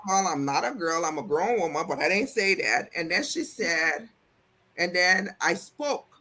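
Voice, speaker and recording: Bright, husky-voiced woman telling a story. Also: fairly low pitch, unhurried. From Africa. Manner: animated, acts out quoted voices. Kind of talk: casual storytelling chat.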